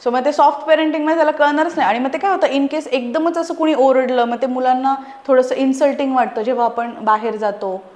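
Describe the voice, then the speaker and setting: A woman in her thirties with a high voice, speaking as a guest in a relaxed interview. Her delivery is earnest and persuasive as she works through examples. The room around her sounds echoey. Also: fast, hardly any pauses. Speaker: podcast guest, parenting expert. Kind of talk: casual conversational interview.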